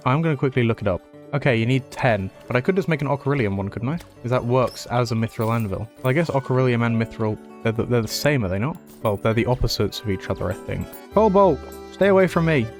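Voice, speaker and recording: A man's voice: mid-range voice, fast talker, soft background music. Chatty man narrating his gameplay. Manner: chatty, self-mocking, sarcastic asides. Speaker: gaming YouTuber. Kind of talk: casual gameplay commentary.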